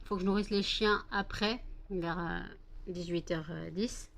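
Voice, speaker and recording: A woman's voice: mid-range voice, fairly even intonation, measured pace, a bit bright. A woman with a French accent vlogging from home, chatting casually about her day, rambling with many fillers and sometimes raising her voice to scold her dogs. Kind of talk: casual daily vlog chat.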